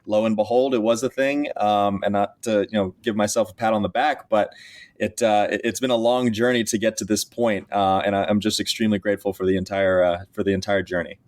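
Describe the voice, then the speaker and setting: A man's voice: lowish voice, steady tone, a little fast, darkish tone. A young man in his twenties from Texas, a college athlete who is the guest on a podcast interview and tells his story earnestly, with frequent restarts. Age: 20s.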